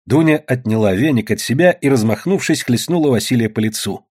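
A man narrating an audiobook in an expressive storytelling manner. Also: mid-range voice, a little fast, breathy edge.

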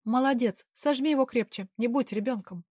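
Woman reading as a nasty lady gang boss, higher and louder, barking threats in a dry, close recording. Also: a little fast, slightly rough, no echo. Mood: taunting. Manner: taunting, commanding, shouting threats. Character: dangerous cold female gang boss.

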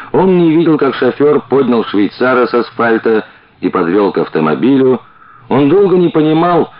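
A man reading a crime story aloud as an audiobook narrator, in a dramatic, lively manner. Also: fairly low pitch, dull audio.

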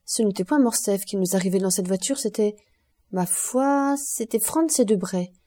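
A woman voicing a sociable young gentleman who speaks in a lively, conversational way, in an audiobook. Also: mid-range voice, moderate pace, natural voice.

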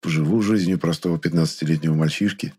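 Low-voiced male audiobook narrator. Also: fairly even intonation, fast talker, warm tone, breathy edge. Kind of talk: first-person audiobook narration.

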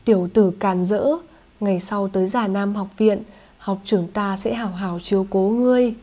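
A woman's voice: mid-range voice, fairly even intonation, moderate pace, mellow, close to an everyday voice. Woman reading as a scheming young academy senior. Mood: cold menace. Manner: coldly threatening.

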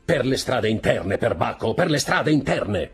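A man voicing an earnest young French gentleman traveler in an audiobook reading, speaking firmly. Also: lowish voice, huge pitch swings, fairly quick, breathy edge, soft background music, voice pushed up, heavily acted. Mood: decisive.

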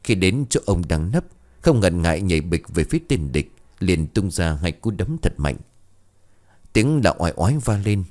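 A man narrating a ghost story in a lively, dramatic way. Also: sits low, moderate pace.

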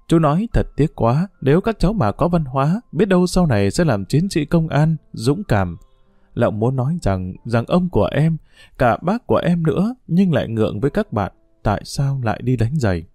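A male narrator reads a story with a lively, expressive, rising and falling delivery. His voice is mellow and warm. The recording is dry and close, with soft music underneath. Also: medium pitch, normal speed, no room sound.

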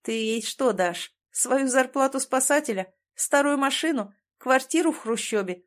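A woman's voice: mid-range voice, expressive, unhurried, close to an everyday voice. A woman voicing an arrogant, threatening rich man in an audiobook, reading his lines in a sneering, taunting way. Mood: mocking.

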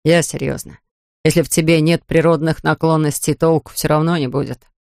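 A reader voicing a tired, gentle middle-aged fisherman who speaks slowly and evenly, read close to a dry studio mic. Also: mid-range voice, flat delivery, vocal fry, no echo, close to an everyday voice. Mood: calm.

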